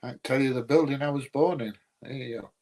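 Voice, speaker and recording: Fast and darkish in tone, his mid-range voice carries a Nottinghamshire accent that could pass for Yorkshire. The man, from Nottinghamshire in England, hosts a livestream and responds to live comments in plain-spoken, colloquial chat laced with grumbly dry humour.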